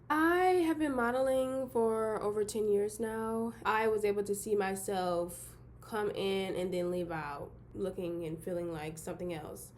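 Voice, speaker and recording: A woman's voice: medium pitch, a little hiss or hum. Bubbly young woman beauty vlogger. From Detroit, Michigan. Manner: bubbly and excitable, with giggly bursts. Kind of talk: casual intro vlog.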